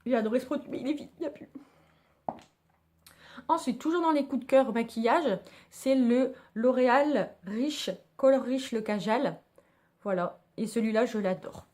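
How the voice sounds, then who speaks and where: In a laid-back product review, a beauty vlogger enthusiastically chats through her favorite makeup, using slang and calling her audience "girls." She speaks at a moderate pace in a voice on the high side, a little mellow.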